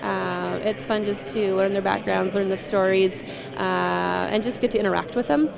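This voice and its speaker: A young woman auctioneer speaking in an interview and breaking into rapid auctioneer patter. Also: mid-range voice, steady tone, gravelly. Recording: busy sale crowd behind.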